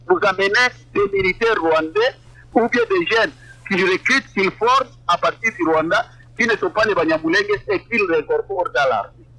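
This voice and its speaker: A man's voice: no echo, rough recording. A man from eastern Congo giving an interview, speaking emphatically and repeating words as he argues. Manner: emphatic, repeats words, animated pitch jumps. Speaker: interview guest. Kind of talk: political interview, casual.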